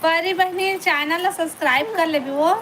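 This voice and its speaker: A woman's voice: very high-pitched, normal speed, noisy background. A woman with a Chhattisgarhi accent, hosting a casual live stream from home and chatting with viewers by name as she reads their comments. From Chhattisgarh, India.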